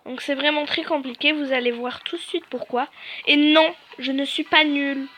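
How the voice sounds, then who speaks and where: A woman's voice: sits high, steady tone, normal speed, fairly bright tone, slight background noise. A young woman giving chatty, self-mocking commentary while playing a video game for her channel. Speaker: gaming YouTuber. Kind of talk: casual gameplay commentary.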